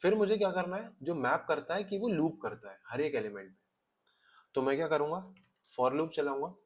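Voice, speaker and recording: Man explaining code in relaxed Hindi-English. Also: fairly high pitch, moderate pace. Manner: explains step by step, mixing Hindi with English terms, checks in with "ठीक है". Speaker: coding tutor. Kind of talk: casual screen-recorded coding lesson.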